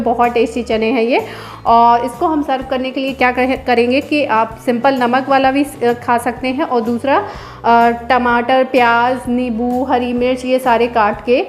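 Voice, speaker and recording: In a casual voice-over for her home vlog, a woman in her thirties chats warmly, going through the steps one by one. Her voice is a little high.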